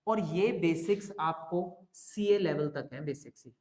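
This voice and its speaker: In a classroom lecture on accounting basics, a man coaxes his students and repeatedly checks their understanding. He talks unhurriedly, his fairly high voice carrying a darkish tone, with roomy echo around him.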